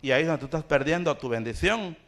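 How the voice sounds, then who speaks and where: High-voiced man preaching a fervent sermon. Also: lively intonation, fast, fairly bright tone. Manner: preaching with rising intensity, rhetorical questions to the congregation. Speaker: pastor. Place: church.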